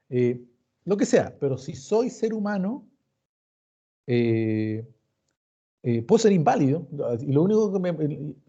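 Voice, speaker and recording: In a recorded online meeting, a law professor with a Chilean accent gives an informal, didactic lecture, emphatically repeating words and acting out questions and answers. His voice is a little high, mellow and slightly rough, and the class recording is dull and muffled.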